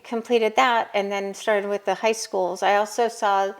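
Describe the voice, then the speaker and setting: Interview guest: woman counselor, steady mid-pitch, patient explainer. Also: moderate pace. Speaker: college counselor and business owner. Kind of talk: interview answers.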